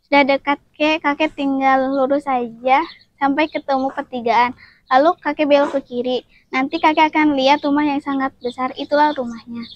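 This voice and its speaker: A woman's voice: sits high, fairly even intonation, moderate pace, no echo, lo-fi sound, lightly acted. A young woman playing a kind, friendly village woman who talks in a chatty, helpful way in a school drama. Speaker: student actor.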